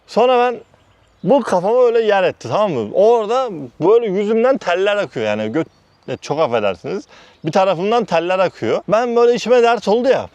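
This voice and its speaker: Brief: man from Turkey, vlog storyteller, high voice that swings widely, blunt and heated retelling. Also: fairly quick, dry recording, dull audio. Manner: heated, animated retelling with constant "dedim" between quoted phrases; blunt, uses mild swearing. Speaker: vlogger recounting work experiences. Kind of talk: casual storytelling.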